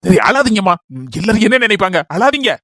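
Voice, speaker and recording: Young son, cartoon, Kanyakumari Tamil, woman voicing: fast, coaxing, mid-range voice. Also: medium pitch, expressive, a bit bright, no echo, clean studio sound, close to an everyday voice. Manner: quick, coaxing and reasoning. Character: young adult son home on leave, easygoing.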